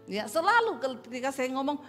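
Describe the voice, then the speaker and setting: A middle-aged woman pastor with a Sulawesi accent, preaching a lively, joking sermon to a congregation. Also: high voice, fairly quick. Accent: Sulawesi Indonesian. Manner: animated, joking, teasing the congregation. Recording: reverberant hall with faint music.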